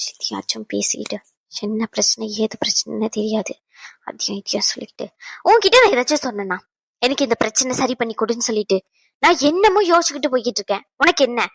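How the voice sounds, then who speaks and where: A woman voicing a sharp-tongued, nagging middle-aged mother in a cartoon dub. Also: high voice, very animated, no room sound, heavily acted. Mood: scolding. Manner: scolding, nagging, rapid-fire. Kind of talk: cartoon dubbing.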